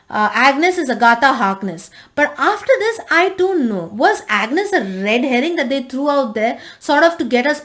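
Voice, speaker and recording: High-voiced woman rambling through a recap. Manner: rambling recap with frequent restarts and fillers. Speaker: TV reviewer. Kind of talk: casual spoiler review recap.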